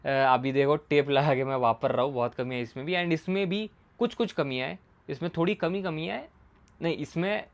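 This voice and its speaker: A motorcycle gear reviewer and video host gives a casual product explainer in a brisk voice on the high side. He talks conversationally, mixing in English words and repeating his points.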